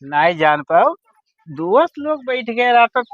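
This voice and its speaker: A man's voice: very high voice, big pitch swings, a little slow, phone-quality sound, full character voice. A man playing a shiftless, argumentative drunkard son in an amateur village comedy, wheedling in an Awadhi accent. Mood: argumentative, defiant. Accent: Awadhi, eastern Uttar Pradesh.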